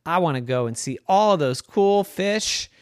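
A man voicing an eager, adventurous young male unicorn who pleads excitedly in a storybook tale. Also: high voice, moderate pace, no echo, clean studio sound, pitched above the performer's own voice.

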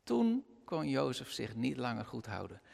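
Gravelly-voiced male preacher, animated. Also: normal speed, in a large hall. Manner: expressive, with wide pitch swings. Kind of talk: Bible reading followed by a sermon.

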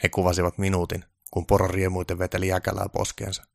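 Guy reading a story calmly, deep and gravelly, dry close sound. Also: no room sound. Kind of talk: scripted storybook narration.

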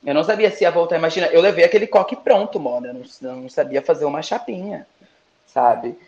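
A man's voice: on the high side, quick pace, darkish tone. A man, a drag queen guest, chatting playfully in campy slang about competing. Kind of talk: casual interview chat. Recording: roomy, dull lo-fi sound.

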